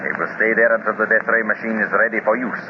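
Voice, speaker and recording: An actor playing a scheming, pompous master villain with a slow, gloating delivery, in a 1930s radio serial with hiss on the recording. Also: male voice, lowish voice, fairly even intonation, close to an everyday voice. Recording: hissy, dull 1930s radio transcription.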